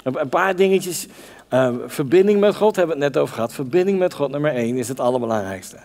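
A man's voice: a little high, lively intonation, quick pace, darkish tone. A man preaching a conversational sermon, talking directly to the congregation and acting out the Bible voices. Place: church hall. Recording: long church reverb.

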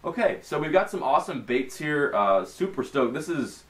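A man's voice: a little high, very animated, moderate pace, slight background noise. A young man with a Midwestern American accent, casually chatting through a fishing tackle unboxing in his small bedroom, full of slang and fillers. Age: young adult. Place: small bedroom with a desk, indoors.

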